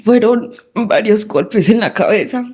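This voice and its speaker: A woman, recounting a painful memory in an interview, halting with frequent pauses. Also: mid-range voice, expressive, mellow, slightly rough. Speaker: victim's daughter. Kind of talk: interview testimony.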